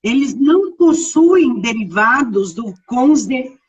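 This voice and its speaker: A woman's voice: fairly high pitch, lively intonation, takes it slowly, far from the mic, highs cut off. A woman teaching grammar in a live online lesson, explaining step by step and checking in with her listeners often. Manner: explanatory, frequent checking tags.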